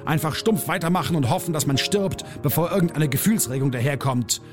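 A man voicing his own misanthropic, hot-tempered alter ego, ranting and sneering over soft piano music. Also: on the high side, lively intonation, a little fast, close to an everyday voice. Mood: ranting scornful.

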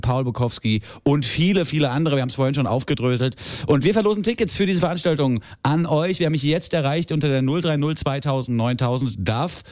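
A man hosting a radio show, brisk and chatty, announcing events and a giveaway. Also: a little high, a little mellow, dry recording. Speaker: radio host.

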